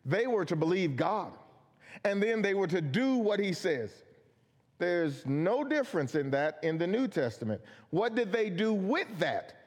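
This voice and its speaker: A man's voice: high-pitched, big pitch swings, measured pace. A man preaching a Bible study sermon, earnest and emphatic, asking questions and answering them himself. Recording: long hall reverb.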